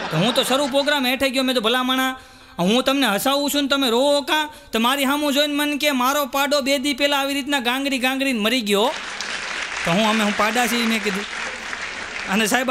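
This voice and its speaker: High-pitched man doing stand-up. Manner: storytelling jokes, sings verses slowly. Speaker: stand-up comedian. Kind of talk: live Gujarati comedy show with jokes and sung verses. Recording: live stage recording with audience and noise.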